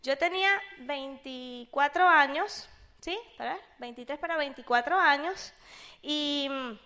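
A woman's voice: sits high, unhurried, sharp tone. A woman in her thirties with a Venezuelan accent, telling a personal business story in a chatty way and acting out what people said. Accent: Venezuelan Spanish. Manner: chatty, acts out quotes, keeps asking "¿sabes?". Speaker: speaker sharing a business testimony. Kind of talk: animated storytelling to an audience.

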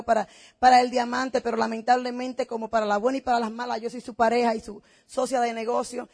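A woman's voice: fairly high pitch, a little mellow. A middle-aged woman, giving an emphatic, story-driven motivational testimonial as a business speaker.

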